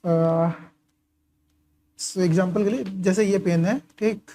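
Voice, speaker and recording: A male engineering tutor with a mellow, steady voice gives a casual lecture on course material, taking it slowly. He keeps asking and answering his own questions, checks in often with "okay" and "right," and writes and highlights as he talks.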